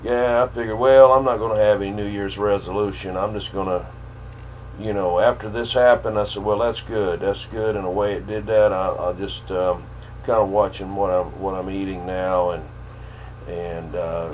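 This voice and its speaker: An older man with a fairly low voice makes casual radio chat. He rambles along in a folksy way, dropping in operator slang, with some background noise. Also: steady tone, normal speed, darkish tone, low-quality recording. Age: 50s or older. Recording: clear background hum and noise.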